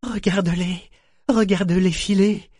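A man's voice: fairly high pitch, little pitch movement, moderate pace, darkish tone, dry recording, clean studio sound, pitched above the performer's own voice, natural voice. A man voicing a fierce, eager female ship figurehead who speaks in a hard, urgent way.

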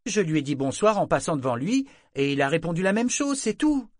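A petulant, defiant teenage girl, as a man puts her on in a storybook. Her voice climbs high and turns shrill and whiny, full of sulky protest. The recording is close and dry. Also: animated, a little fast, dry recording, close to an everyday voice. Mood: indignant.

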